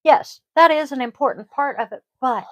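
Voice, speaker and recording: A woman's voice: high-pitched, normal speed, a bit bright, dry recording. Brief: middle-aged woman, chatty podcast host, laughs a lot, swears casually, dry close sound. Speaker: podcast host, yoga teacher. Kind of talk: casual chat.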